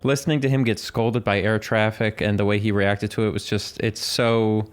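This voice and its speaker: A man's voice: lowish voice, steady tone, normal speed, clean tone. A man co-hosting a casual podcast, telling stories in a rambling, self-interrupting way. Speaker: podcast co-host.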